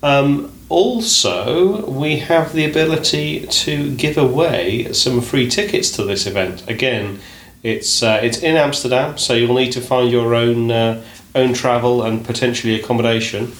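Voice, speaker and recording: A man hosting a casual podcast chat in a hotel room. He talks in a measured way, often says "indeed", and is recorded on low-quality audio. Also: echoey room. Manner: measured, fond of saying "indeed", many "uh" and "um". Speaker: podcast host.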